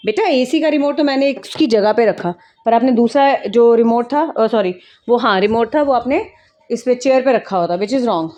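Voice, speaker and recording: A woman's voice: fairly high pitch, normal speed, dark tone. A woman mother vlogging at home, talking to camera in an emphatic, lecturing way and scolding her child now and then. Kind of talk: casual vlog talking to camera. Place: indoors at home.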